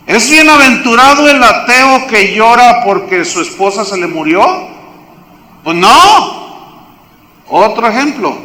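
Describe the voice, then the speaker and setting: Mexican man preaching, high voice, bright and sharp, rhetorical questions, loud then hushed, echoey church hall with long reverb. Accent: Mexican Spanish. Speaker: pastor. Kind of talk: sermon.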